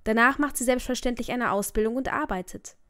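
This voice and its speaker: A woman reading an audiobook, voicing a calm, protective young male rock star in a soothing, reassuring way. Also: a little high, brisk, lightly acted.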